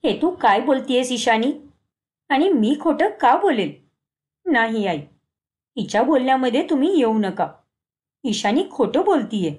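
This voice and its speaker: A woman voicing a young married daughter-in-law who speaks in a sharp, accusing way. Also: high voice, big pitch swings, a little slow, long pauses.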